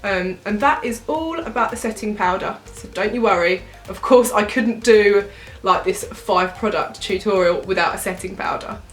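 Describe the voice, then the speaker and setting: A woman's voice: medium pitch, moderate pace, reverberant, soft background music. A young woman vlogger chatting casually and cheerfully through a makeup tutorial, with giggly asides. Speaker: beauty vlogger.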